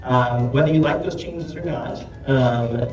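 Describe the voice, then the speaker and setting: Man, airline panelist, mellow tone, businesslike, roomy and distant sound. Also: mid-range voice, measured pace, muffled recording. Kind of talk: panel discussion. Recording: echoey room, distant mic.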